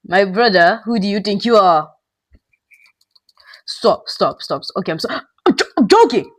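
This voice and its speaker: A male gaming channel host giving excitable, slangy live gameplay commentary with quick outbursts. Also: high-pitched, no room sound.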